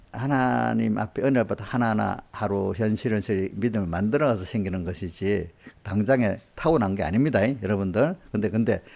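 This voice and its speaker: A man's voice: lowish voice, creaky, a little mellow. An older man preaching a sermon as a pastor in a church, talking conversationally with rhetorical questions and acted-out quotes. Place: church sanctuary.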